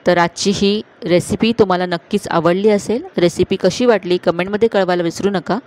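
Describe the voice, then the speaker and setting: A woman hosting a cooking channel, calmly narrating each step of a recipe to viewers in a voice-over. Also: on the low side, fairly quick. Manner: calm, instructive, addressing viewers directly.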